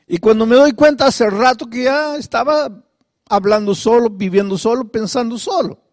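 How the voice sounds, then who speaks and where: A pastor preaches in a notably high voice, driving his points home with rapid rhetorical questions and sometimes sinking to a quiet, confiding murmur. He was recorded close and dry, with no room sound around him. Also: no echo. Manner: drops to a soft, confiding tone. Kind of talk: sermon.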